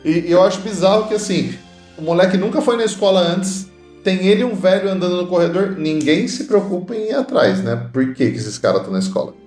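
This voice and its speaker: Lively man chatting in an echoey room. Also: sits high, fast, soft background music. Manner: lively, recounting trivia with playful asides. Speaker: podcast co-host. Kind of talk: casual film chat.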